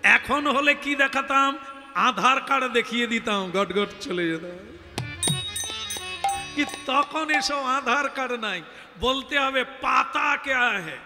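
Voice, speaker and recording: A man's voice: extremely high pitch, expressive, slow, long pauses, sharp tone. A male kirtan preacher telling a devotional story to the devotees in a folksy, teasing way. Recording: reverberant hall with music.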